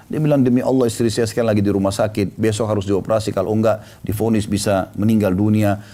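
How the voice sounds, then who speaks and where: A middle-aged man preaching, telling a story and acting out the voices of the people in it. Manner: lively storyteller acting out quoted voices, pitch rising and falling. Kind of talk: storytelling sermon.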